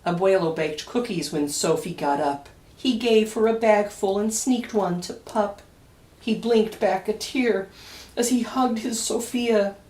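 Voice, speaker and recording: A children's author reads a picture book of rhyming verse aloud in an expressive storytime style, slowly and with dramatic emphasis and deliberate pauses. Her voice is mid-range and slightly mellow, picked up by a distant mic in a roomy, echoey space.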